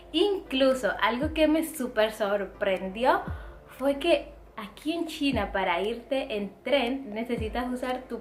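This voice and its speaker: Chatty woman, slightly high voice. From Dominican Republic. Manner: chatty, expressive, many fillers. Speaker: vlogger. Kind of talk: casual storytime. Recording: echoey room, faint music.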